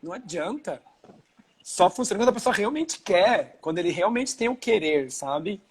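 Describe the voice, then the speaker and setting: A man hosting a conversation, talking reflectively, pausing and searching for words. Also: high-pitched, lively intonation, slightly rough. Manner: hesitant, searching for words, trailing off.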